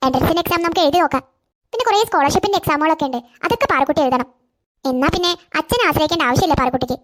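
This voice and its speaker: A caring, reassuring older girl in a cartoon, voiced by a woman. She gives gentle advice in a very high voice at a quick clip. Her manner stays kind and encouraging. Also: lively intonation. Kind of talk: cartoon voice acting.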